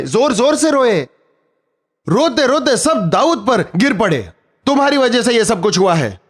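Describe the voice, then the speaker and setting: A middle-aged man preaching a sermon, telling a story with drama and acting out the voices he quotes. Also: high voice.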